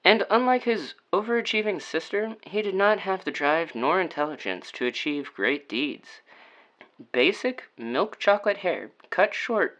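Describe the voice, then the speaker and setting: In an audio drama, a man plays a brooding, sardonic storyteller narrating a dark tale in a wordy, formal, theatrical manner. His voice is a little high, pushed and bright, and the highs are cut off.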